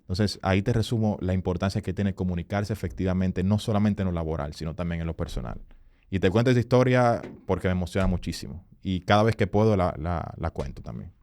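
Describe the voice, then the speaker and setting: Man, podcast guest, low voice, earnest emphatic storytelling, dry sound. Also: fast, darkish tone, no echo. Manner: earnest, emphatic storyteller who rises in pitch for quoted voices. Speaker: guest, communication consultant and speaker.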